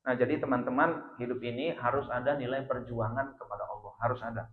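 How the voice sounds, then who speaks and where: A middle-aged man giving a lively sermon, chatty and rising loud on key phrases. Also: medium pitch, fast. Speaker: preacher. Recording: roomy, dull lo-fi sound.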